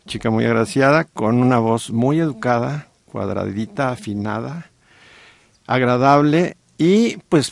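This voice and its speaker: A middle-aged man with a Mexican accent, telling a story on a radio talk show with many pauses and fillers. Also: medium pitch, vocal fry, no echo. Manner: warm storytelling with frequent fillers. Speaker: guest co-host.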